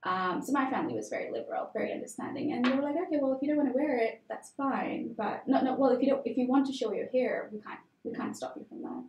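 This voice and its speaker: A woman's voice: high voice, animated, fast talker, hardly any pauses, a little mellow, slight background noise. A young woman from Tanzania, a guest telling her personal story in a candid, conversational way with frequent fillers. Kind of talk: conversational interview. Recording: echoey room.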